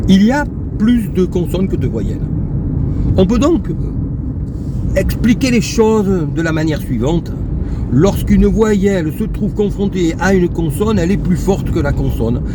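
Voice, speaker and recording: Lively high-voiced man teaching pronunciation. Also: noisy background. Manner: careful, deliberate explaining with stretched-out example words. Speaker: language teacher. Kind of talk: explanatory lesson.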